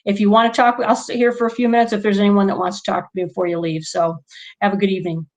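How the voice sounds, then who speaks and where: A woman's voice: medium pitch, fast. A woman instructional coach leading an online meeting, telling a story in a chatty way and acting out the people she quotes. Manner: chatty, animated when quoting people. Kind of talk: casual storytelling to a video meeting.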